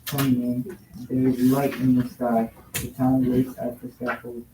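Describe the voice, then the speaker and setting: A man reading a stern judge's part aloud in a classroom, in a flat, halting read-aloud manner. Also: medium pitch, natural voice. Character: stern male judge pressing for a confession. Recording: echoey noisy classroom.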